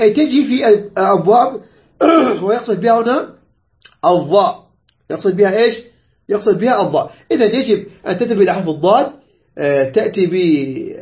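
A man teaching a tajweed lesson, repeating points, quizzing students and stretching out example words. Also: high-pitched. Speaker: Quran recitation teacher. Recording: dull lo-fi recording.

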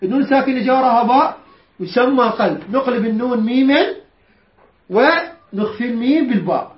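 A man teaching a Quran recitation lesson, chanting verses slowly and quizzing his students. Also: very high voice, lively intonation. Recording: roomy, dull lo-fi recording.

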